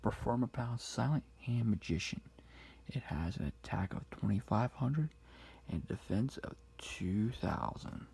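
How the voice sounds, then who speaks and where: A man speaking very quietly, sometimes whispering, close to the ear in an ASMR style, reading things out slowly. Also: fairly low pitch, lively intonation, vocal fry, husky. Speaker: ASMR card collector showing a deck. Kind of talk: quiet ASMR talk, soft-spoken to whispered. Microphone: close-up ASMR mic.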